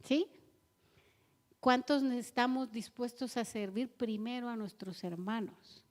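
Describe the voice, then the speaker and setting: Woman preacher, high voice, lively sermon, long church reverb. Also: takes it slowly. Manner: animated storytelling preacher, asks the congregation questions. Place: church hall.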